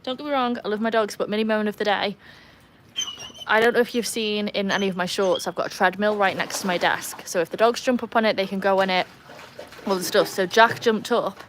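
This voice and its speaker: This young woman from Wales talks fairly quickly at a medium pitch with fairly even intonation, against slight background noise. With her mixed Welsh and English accent, she hosts an easygoing livestream by an outdoor pool, chatting, reading comments out and laughing easily.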